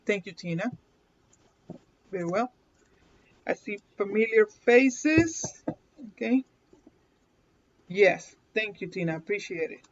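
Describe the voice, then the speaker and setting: A woman with a Puerto Rican accent hosts a live card reading, chatting away, laughing often, and repeatedly checking in with viewers by asking "okay?" Her medium-pitched voice comes through dull lo-fi stream audio with slight background noise.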